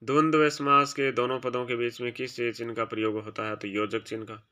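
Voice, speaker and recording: Brief: male teacher, very bright and crisp, reads quiz options aloud, then quietly marks each right or wrong. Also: level tone, a little fast. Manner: drops quieter and lower for short asides. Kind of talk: exam-prep grammar lesson.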